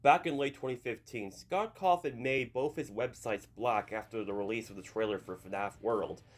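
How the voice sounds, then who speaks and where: In a mid-range voice at a moderate pace, a man in his early twenties with a youthful sound hosts a YouTube video in a casual way. He drops in chatty, apologetic asides.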